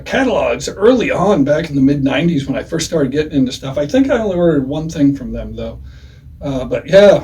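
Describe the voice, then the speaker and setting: A man in his forties talks through a casual review in a loose, meandering way, filling pauses with "uh" and "anywho." His voice sits a little high for a man. He sounds set back from the microphone rather than close to it. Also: darkish tone, far from the mic. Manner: rambling, many "uh"s and "anywho"s. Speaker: music reviewer.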